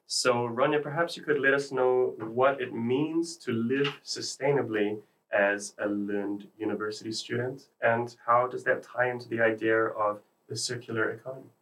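A man's voice: medium pitch, fairly even intonation, normal speed, hardly any pauses, fairly bright tone, rough recording. A man hosting a university podcast in a studio, introducing the show and asking guests upbeat questions. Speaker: podcast host. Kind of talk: scripted podcast intro and interview.

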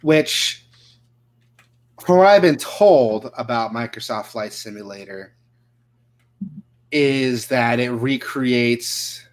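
A man's voice: medium pitch, takes it slowly, long pauses. A man co-hosting a casual gaming podcast, talking through game trailers with loose, swearing chatter and lots of fillers. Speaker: podcast co-host. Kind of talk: casual gaming news chat.

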